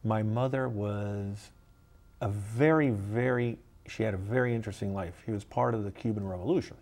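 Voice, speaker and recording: Earnest man with a low voice. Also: darkish tone. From United States. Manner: halting, restarts often, earnest. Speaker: guest. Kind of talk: casual interview chat.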